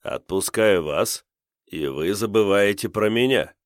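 A man voicing a calm, menacing male captor who speaks slowly and mockingly. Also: fairly low pitch, dry recording, clean studio sound, lightly acted. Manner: slow, drawling and mocking.

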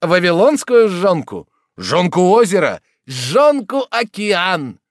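Male narrator putting on a rowdy, tipsy writer: very high, bellowing, drawn-out shouts, dry close sound. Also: very animated, dry recording, heavily acted. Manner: bellowing, exuberant.

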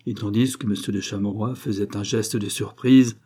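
A man narrating a French novel as an audiobook, in a measured storytelling manner. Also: on the low side, steady tone, warm tone, slightly rough.

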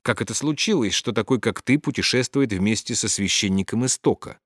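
A man reading a sharp-tongued, scornful young woman in an audiobook. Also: on the low side, a little fast, dry recording, studio quality. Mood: cold, wary. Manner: cutting and blunt.

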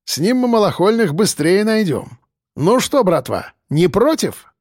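A man's voice: a little high, very animated, moderate pace, creaky, a little mellow, husky, no echo, studio quality, full character voice. A man voicing a scheming, streetwise male convict who talks in slang and presses with questions. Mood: cocky.

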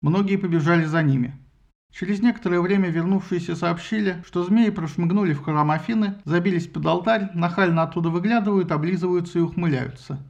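A man narrating an audiobook with a lively, ironic storytelling manner. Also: sits high, fairly quick, gravelly, muffled recording.

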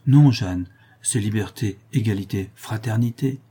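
A man reading aloud, voicing an earnest, self-reproaching young nun in a raised, husky voice. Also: lowish voice, a little slow, mellow.

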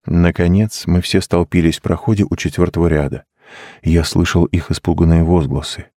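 A man reading an audiobook in steady, measured storytelling narration. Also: deep voice, no echo, studio quality. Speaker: audiobook reader. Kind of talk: scripted narration.

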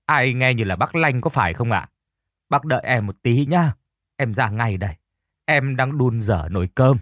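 A man voicing a frail, long-suffering older village woman who speaks gently and affectionately. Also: mid-range voice, lively intonation, normal speed, dry recording, studio quality. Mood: calm.

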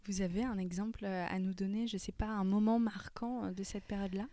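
A woman hosting a podcast interview, gently asking follow-up questions. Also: medium pitch, fairly even intonation, fairly quick, no echo, studio quality. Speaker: podcast host.

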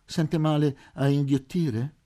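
A man's voice: fairly high pitch, steady tone, takes it slowly, dark tone, voice pushed up. A man voicing a timid, anxious middle-aged doctor in an audiobook, with a stammering, fussy manner. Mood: concerned. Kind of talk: audiobook character voice.

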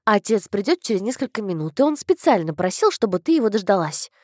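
A woman voicing a bossy, sharp-tongued older sister in a story. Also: mid-range voice, sing-song, fast talker, no room sound, studio quality. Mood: scolding. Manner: scolding, imperious.

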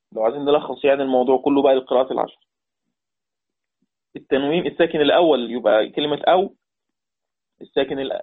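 Husky man teaching over a tinny line. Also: mid-range voice. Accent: Egyptian Arabic. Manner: repeats points and quizzes students. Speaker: Quran recitation teacher. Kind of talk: online lesson explaining readings.

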